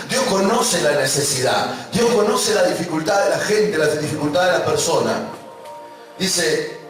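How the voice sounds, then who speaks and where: A man with a River Plate Spanish accent, preaching a sermon and prompting the congregation to repeat after him. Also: on the high side. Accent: Rioplatense Spanish. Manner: emphatic preaching with congregation call-and-response. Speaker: pastor. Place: church. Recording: echoey church hall from far off.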